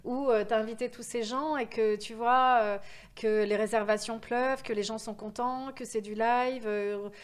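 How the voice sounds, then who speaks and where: A woman's voice: fairly high pitch, fairly even intonation, moderate pace, smooth. A woman in her fifties telling her career story in a casual interview, chatty and full of hesitations. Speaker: guest, event agency founder.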